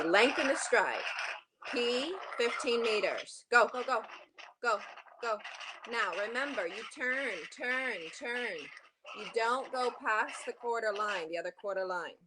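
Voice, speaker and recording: A woman coaching a horse riding lesson, projecting brisk, urgent, repeated short commands with encouragement. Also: fairly high pitch, expressive, background noise.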